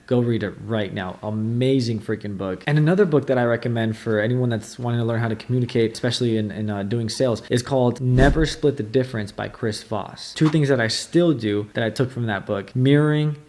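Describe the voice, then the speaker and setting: A man giving casual, emphatic sales coaching to the camera, with quick asides and acted-out client questions. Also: medium pitch, darkish tone. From United States. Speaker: sales trainer.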